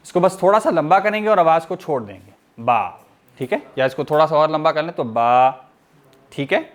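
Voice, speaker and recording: A man's voice: fairly high pitch, fast talker. A man teaching a pronunciation lesson, explaining patiently, checking in with his listeners and drawing out letter sounds to demonstrate them. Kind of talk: recorded Arabic pronunciation lesson.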